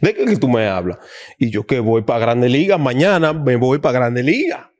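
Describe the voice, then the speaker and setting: Animated young man storytelling. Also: mid-range voice, moderate pace. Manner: animated, acts out quoted dialogue. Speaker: guest baseball player. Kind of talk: casual storytelling interview.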